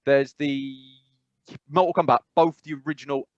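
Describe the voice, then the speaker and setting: A man co-hosting a casual podcast rambles in a steady, mid-range voice at normal speed, with lots of fillers and restarts. The recording is dry and slightly dull, without echo.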